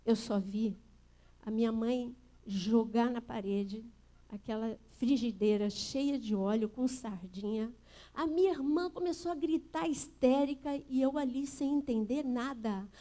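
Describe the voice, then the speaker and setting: Brazilian woman pastor, high voice, earnest, forceful sermon. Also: a little slow. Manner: earnest storytelling, rising to forceful emphasis. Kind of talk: sermon with personal testimony. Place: church service.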